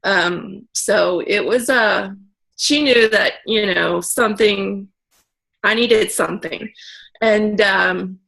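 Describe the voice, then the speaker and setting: A woman giving a casual personal testimonial in a halting way. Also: mid-range voice, vocal fry, fairly bright tone, poor audio. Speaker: participant giving a health testimonial.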